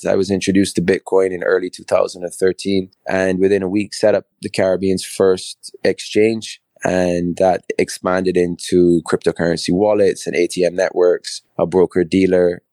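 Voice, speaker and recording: Deep gravelly man, podcast guest. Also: a little mellow, no room sound. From Barbados. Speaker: guest, crypto co-founder. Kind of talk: podcast interview.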